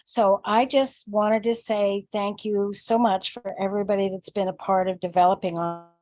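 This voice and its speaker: A woman's voice: medium pitch, fairly even intonation, normal speed, darkish tone, no echo. A woman from the USA giving an articulate, enthusiastic testimonial on a video call with audio only. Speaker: company member on a webinar. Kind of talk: casual testimonial.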